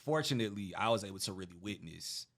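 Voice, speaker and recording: Host, male, low voice, easygoing questioner. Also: fast, creaky. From Atlanta. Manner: relaxed, leading questions. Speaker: podcast host. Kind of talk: casual interview chat.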